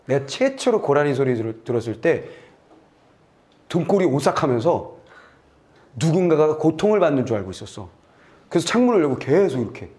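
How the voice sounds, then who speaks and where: Lively middle-aged man, playful lecturer, acts out scenes, high-ish voice. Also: fairly quick, long pauses. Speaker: Korean literature tutor. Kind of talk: lecture with acted examples.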